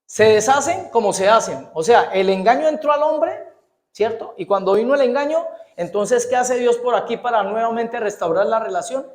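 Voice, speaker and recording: A man preaches in a high, bright voice that rings through an echoey church hall. He talks fast, trips over his words now and then, and keeps tossing rhetorical questions to the congregation. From Colombia. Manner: animated, asks the congregation frequent rhetorical questions. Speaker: pastor. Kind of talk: sermon.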